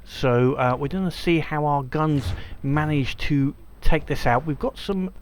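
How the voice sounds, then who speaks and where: A man's voice: a little high, measured pace. A man giving casual let's-play commentary, chatty and hesitant with many ums and restarts. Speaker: gameplay commentator.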